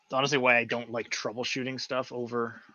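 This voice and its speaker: A man's voice: medium pitch, little pitch movement, fast, pushed and bright, slight background noise. A man co-hosting a casual live stream, thinking aloud as he troubleshoots a build. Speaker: livestream co-host building a 3D printer. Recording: dull lo-fi stream audio.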